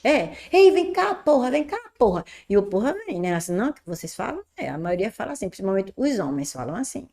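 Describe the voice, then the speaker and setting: A woman from Brazil, a Portuguese teacher correcting an exam, chatty and lively, asking and answering her own questions. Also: medium pitch.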